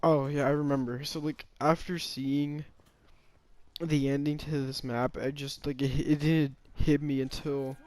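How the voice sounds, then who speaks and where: A man's voice: a little high, flat delivery, unhurried, darkish tone, no room sound. A man giving a casual, rambling opinion monologue about a game, often hesitating, restarting and sighing.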